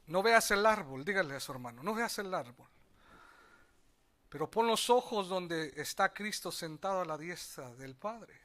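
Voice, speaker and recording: A man with a Mexican Spanish accent preaching a sermon, swinging between loud exclamations and quiet asides and calling on the congregation to repeat after him. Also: high voice, expressive, moderate pace, few pauses. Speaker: pastor.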